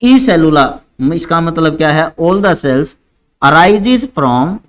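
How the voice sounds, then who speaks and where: Slow and animated, a man with a slightly high voice runs an online biology lesson in Hindi and English, carrying an Indian English accent. Students get called "beta," and he stretches out the key terms while dictating.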